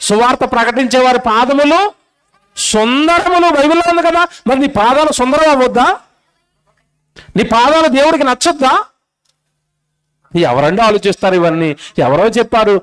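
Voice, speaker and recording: High-voiced preacher, scolding questions. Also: male voice, smooth. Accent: Telugu. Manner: rhetorical questioning, scolding and insistent. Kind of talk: sermon. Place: convention stage.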